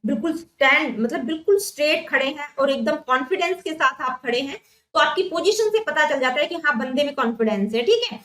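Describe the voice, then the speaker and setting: High pitched lady teacher, lecture for exam prep, asks herself questions and checks in a lot, slow on the english definitions, echoey room. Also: lively intonation, fairly bright tone. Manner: explains terms, then asks and answers her own questions with "ठीक है?"; reads English definitions slowly, word by word.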